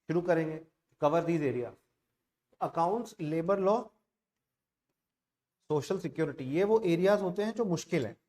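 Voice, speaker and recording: In an informal online exam-prep class, an Indian-accented coaching teacher mixes Hindi and English as he talks conversationally and with emphasis. His voice is a little high, with a darkish tone.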